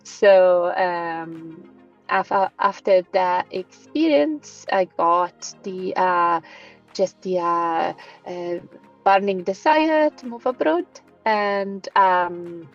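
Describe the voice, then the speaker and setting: A woman in her forties from Rome with a light Italian accent, a guest telling her career story in an interview, pausing often with fillers. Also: medium pitch, lo-fi sound. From Italy, Rome. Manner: thoughtful, many fillers and pauses. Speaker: guest scientist. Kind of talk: conversational interview.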